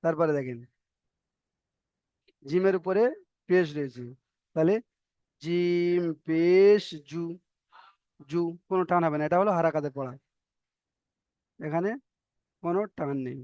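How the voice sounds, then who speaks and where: A man teaching a recorded class on reading the Quran, spelling out letters one by one and stretching vowel sounds slowly, patient and repetitive as he checks that students follow. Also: on the high side, dry recording, highs cut off. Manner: patient, repeats each example and checks understanding.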